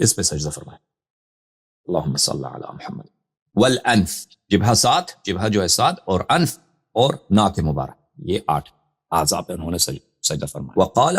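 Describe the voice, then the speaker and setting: A man, a religious scholar, teaches prayer step by step, reading Arabic text slowly and then explaining it plainly, asking questions and answering them himself. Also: low-pitched. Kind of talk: religious lesson with Arabic recitation. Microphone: studio mic on a live web show.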